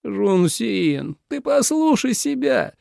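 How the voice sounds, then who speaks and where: A man voicing a hot-tempered young male emperor in an audiobook, with shrill, furious high-pitched outbursts. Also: very animated, normal speed, gravelly, darkish tone, breathy edge, no echo, clean studio sound, exaggerated voice. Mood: mocking. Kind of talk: audiobook character voice.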